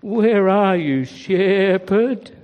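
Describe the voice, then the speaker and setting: A man's voice: expressive, drawn-out words, dull audio, heavily acted. Man voicing Daisy, a lost little ewe. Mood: worried. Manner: high bleating cries. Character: young female sheep, lost and frightened. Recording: long reverb.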